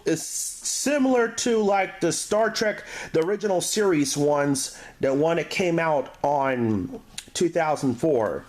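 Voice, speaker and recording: A man with a slightly high-pitched, somewhat dark-toned voice hosts a casual, unscripted DVD review that feels homemade. He speaks haltingly, often stumbling over words as he reads aloud and starting them over.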